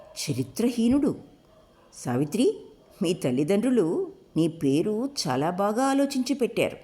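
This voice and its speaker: A woman's voice: lowish voice, very animated, measured pace, dark tone. A woman narrator voicing a hurt young man who speaks in a taunting, sarcastic way in an audiobook. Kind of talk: audiobook character voice.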